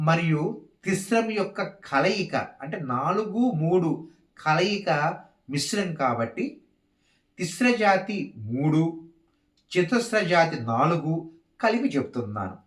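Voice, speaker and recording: A man's voice: a little high, very animated, measured pace, long pauses. A man teaching dance rhythm, counting beats aloud one syllable at a time as he explains each pattern. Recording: roomy, from a distance.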